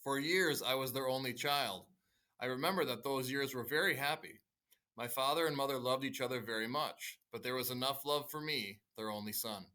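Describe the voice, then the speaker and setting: A man reading a novel aloud to students in the voice of a young man recounting his family history, in a raised, louder storytelling voice. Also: medium pitch, moderate pace, lightly acted. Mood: earnest.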